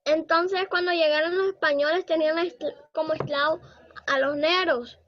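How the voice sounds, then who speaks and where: Very high young student voice, hesitant, muffled call audio. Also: female voice, fairly even intonation, normal speed. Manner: hesitant, asks questions.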